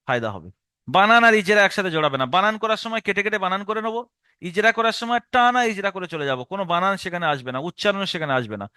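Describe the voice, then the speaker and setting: A man teaching Quran reading in a recorded online lesson, spelling letters out slowly and chanting the rules quickly by rote. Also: sits high, bright, forceful tone, dry recording, clean studio sound. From India.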